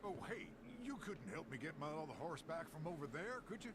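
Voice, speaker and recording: A polite stranger in a game. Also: male voice, on the high side, very animated, a little fast, heavy background noise. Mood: grateful. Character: polite male stranger needing help. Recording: game audio under loud ambience.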